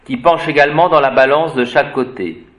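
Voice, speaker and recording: A man giving an unscripted etymology lesson, spelling words out letter by letter and pausing to search for the right term. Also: mid-range voice, a bit bright. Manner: hesitant, searches for words with fillers. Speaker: etymology teacher.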